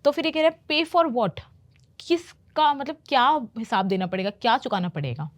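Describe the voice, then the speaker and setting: A woman teaching English, patiently explaining movie phrases and repeating them slowly. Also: a little high, sing-song. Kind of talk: explaining movie lines in a lesson.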